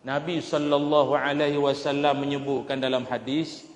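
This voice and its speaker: A male preacher delivers a joking, animated sermon in a fairly high voice, slipping into the voices of the people in his stories. He is recorded in a large mosque hall, and his words ring out with a roomy, long reverb. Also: moderate pace. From Kedah, Malaysia. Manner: jokey, animated, acts out characters. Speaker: religious preacher.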